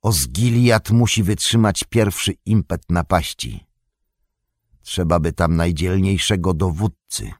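A man's voice: sits low, animated, unhurried, no echo, clean studio sound. A man voicing Denethor, a stern old lord. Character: stern aging lord, cold and commanding father. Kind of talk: audiobook reading.

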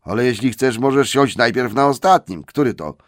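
A man voicing a hot-tempered male troll who yells rude insults. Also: medium pitch, normal speed, dry recording, clean studio sound, pitched above the performer's own voice, natural voice. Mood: angry. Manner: yelling insults.

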